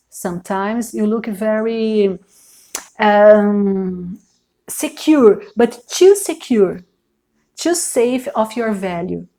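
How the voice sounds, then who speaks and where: This Brazilian woman gives an unscripted tarot reading to camera in English, her second language, with a Brazilian Portuguese accent. Her medium-pitched, mellow voice moves slowly and deliberately, often pausing to find words and repeating phrases.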